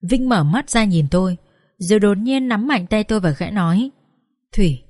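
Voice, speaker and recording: Woman audiobook narrator, mid pitch, emotive first-person reading with acted pleas, dry booth sound. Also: moderate pace, no echo. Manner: expressive, acts out sobbing pleas. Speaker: audiobook reader.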